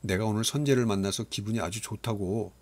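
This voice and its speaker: A man's voice: lowish voice, quick pace. A man voicing a cheerful, friendly father in a storybook reading. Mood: arguing.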